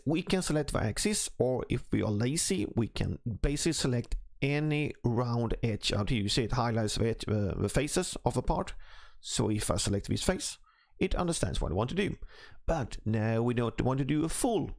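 A man with a slightly rough morning voice, talking through a software tutorial step by step in a relaxed way. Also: mid-range voice, moderate pace. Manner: relaxed step-by-step explaining while clicking. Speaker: CAD instructor. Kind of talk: screen-recorded software tutorial.

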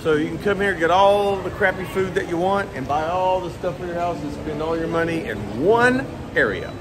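A high-pitched man's voice with lively intonation and a moderate pace belongs to a middle-aged travel vlogger. He shoots a casual vlog on a handheld camera held at arm's length, moving between a village outside and a shopping mall, and he rambles chattily, often laughing and starting over.

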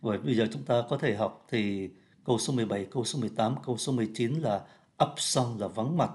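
A man from Vietnam teaching French pronunciation. He reads phrases slowly and clearly, then explains them quickly in a chatty way. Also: medium pitch, a little mellow. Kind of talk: pronunciation lesson.

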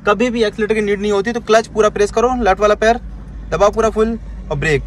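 A man's voice: high voice, fast. A man giving a driving lesson from inside a car, talking his student through each step and repeating his commands. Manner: instructive, repeats commands, tags lines with "ठीक है". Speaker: driving instructor.

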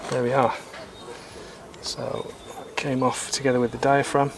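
A man in his thirties calmly explaining, step by step, how he repairs a boat part outdoors. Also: mid-range voice, normal speed, vocal fry, background noise. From Britain. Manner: calm, methodical, plain-spoken, mildly opinionated. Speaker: sailor doing boat repairs. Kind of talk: explaining repair steps while working. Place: outdoors in a garden workshop.

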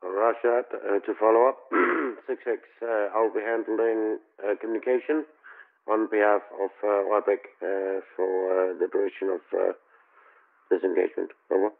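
A man on a tinny helmet radio, using military radio procedure in an online tank game, halting with many fillers between phrases. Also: on the low side, steady tone, vocal fry. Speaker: tank crew player handling comms. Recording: narrow phone-like radio sound.

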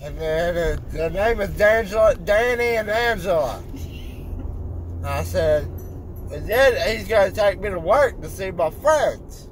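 Teen male, high voice, groggy after wisdom teeth removal, insistent unfiltered rambling, recorded in a car. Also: animated, unhurried. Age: teenager, fifteen. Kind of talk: rambling casual chat. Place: inside a car. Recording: noisy car interior.

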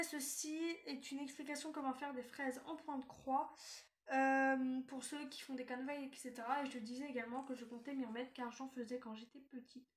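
A woman chatting casually through a review of a collectible doll magazine, hesitant with many fillers and restarts. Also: high voice. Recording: echoey room, faint noise.

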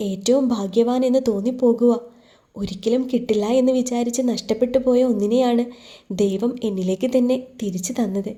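Storybook young husband, playful then earnest; woman reader's own voice, very warm and mellow tone. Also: on the high side, natural voice. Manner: playful teasing turning earnest. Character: young man, teasing, devoted husband in love.

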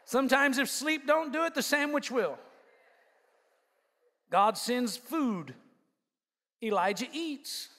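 A man's voice: very high voice, lively intonation, slow pace, long pauses, bright, forceful tone. A male pastor preaching an emphatic sermon with humorous asides and call-and-response to his congregation. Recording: long reverb of a large hall.

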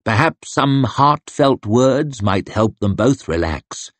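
Male audiobook narrator, unhurried, expressive, low, close dry sound. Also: no echo. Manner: measured, expressive storytelling. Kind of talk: scripted narration.

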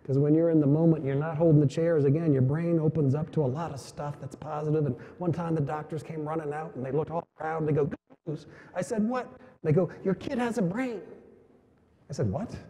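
A keynote speaker in a large conference hall delivers a motivational story with emphatic lines and quoted dialogue. His voice sits on the high side, steady, dark and a bit breathy, and he speaks quickly with few pauses. The venue PA leaves a long hall reverb.

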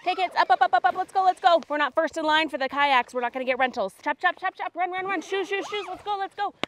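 A woman in her thirties performing a comic camping sketch outdoors with a lapel mic, chatty and dramatic, swinging from hushed asides to excited bursts. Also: very high voice, fast, slight background noise. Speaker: comedy sketch host. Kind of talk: comedic sketch monologue to camera. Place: forest campsite outdoors.

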